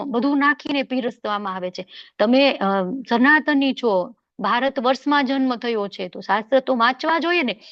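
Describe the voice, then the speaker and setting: Chatty higher-voiced woman teaching scripture. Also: no echo, lo-fi sound. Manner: conversational, asks rhetorical questions and checks for agreement. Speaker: Bhagavad Gita class teacher. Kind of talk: devotional scripture class.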